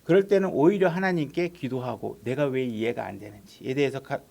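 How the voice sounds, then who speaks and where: Man, pastor, sermon, slightly high-pitched, conversational, rhetorical questions. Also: gravelly, darkish tone. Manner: conversational preaching with frequent rhetorical tag questions; acts out quoted prayers and voices of God in his own voice.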